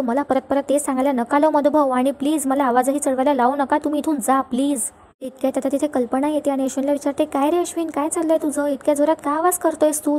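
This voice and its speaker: A woman's voice: high voice, dark tone. A woman recapping a television serial episode, retelling each scene and reading the characters' lines in her own voice. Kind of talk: fast storytelling recap with quoted dialogue.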